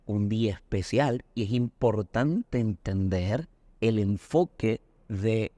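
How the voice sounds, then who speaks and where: Mellow-voiced Colombian pastor teaching. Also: male voice, on the low side, takes it slowly, no echo. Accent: Colombian Spanish. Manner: earnest teaching, acts out anecdotes. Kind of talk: Bible lesson discussion.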